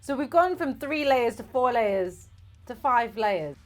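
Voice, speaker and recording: A woman's voice: fairly high pitch, lively intonation, unhurried, soft background music. A tipsy, giggly, rambling woman chatting casually as host of a comic baking vlog, sweary, self-mocking and playfully crude. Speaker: host of a comedic baking video.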